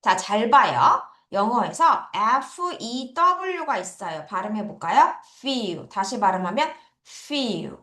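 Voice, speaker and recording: A woman teaches an English vocabulary lesson in an unhurried, sing-song way, her pitch rising and falling a lot. She coaxes students to repeat each word after her. The room is echoey. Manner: lively, coaxing students to repeat words. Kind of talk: online lesson.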